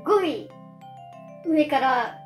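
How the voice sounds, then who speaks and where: Young woman, cute anime-style girlish voice, animated casual chat, echoey room. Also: high-pitched, slow. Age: young adult. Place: small furnished room indoors, on a sofa. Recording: roomy echo, music behind.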